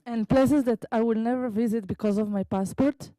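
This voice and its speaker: A woman from Israel, a native Hebrew speaker, slowly reading her own prose poem at an open mic in a library meeting room, with halting asides. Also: fairly high pitch, dark tone, dry recording, rough recording. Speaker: visiting writer reading her piece.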